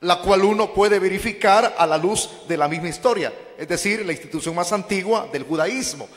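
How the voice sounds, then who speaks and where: A man's voice: high voice, normal speed, a bit bright, big-room sound. A man preaching a teaching sermon, calling his listeners brothers and posing questions he then answers himself.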